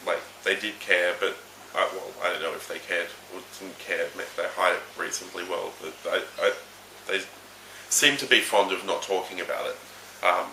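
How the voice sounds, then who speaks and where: Australian man, deep monotone, sharp bright tone, halting and self-correcting; roomy recording with faint noise. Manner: hesitant, keeps correcting his own words. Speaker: interviewee. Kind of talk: reflective interview talk.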